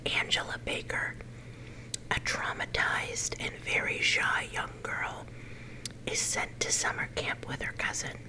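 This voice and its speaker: A middle-aged woman leaning in to whisper a casual, unhurried ASMR chat, her whisper a little growly at times. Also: low-quality recording. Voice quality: whisper that turns slightly growly. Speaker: ASMR video creator.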